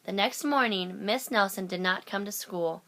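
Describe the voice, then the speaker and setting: Bright-voiced woman reading a children's story. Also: mid-range voice, moderate pace, gravelly. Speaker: storybook reader. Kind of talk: read-aloud children's story narration.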